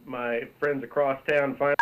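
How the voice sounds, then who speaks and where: A man's voice: medium pitch, level tone, brisk, phone-quality sound. A man calling in to a talk radio show, speaking earnestly and emphatically. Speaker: caller.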